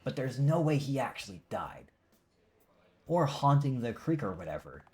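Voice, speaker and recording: A man's voice: mid-range voice, big pitch swings, normal speed, a little mellow, close to an everyday voice. A man voicing a tired, skeptical teenage boy in a visual novel, brushing off a ghost rumor. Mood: dismissive. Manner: dismissive, weary.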